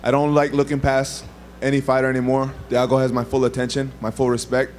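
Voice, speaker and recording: A man speaks as a fighter at a press conference in a solemn, measured way. His medium pitch hardly moves, and a faint hum is behind him. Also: level tone.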